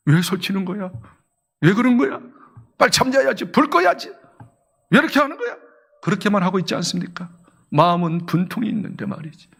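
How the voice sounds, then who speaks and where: A man's voice: sits high, vocal fry. A male senior pastor delivering an emotional sermon in a church sanctuary. He acts out the people in his story with rising, tearful cries and keeps asking the congregation questions. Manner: asks the congregation rhetorical questions.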